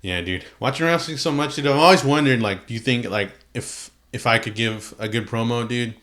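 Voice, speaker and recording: Bright-voiced man in casual podcast chat. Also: medium pitch, brisk. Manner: slangy, peppered with "dude" and "like". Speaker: podcast host. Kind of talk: casual chat about wrestling.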